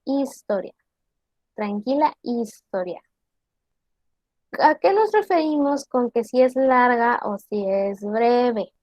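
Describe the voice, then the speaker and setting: A woman teacher giving an online class, explaining slowly and deliberately and asking her students questions. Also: on the high side, a little mellow, dry recording, highs cut off.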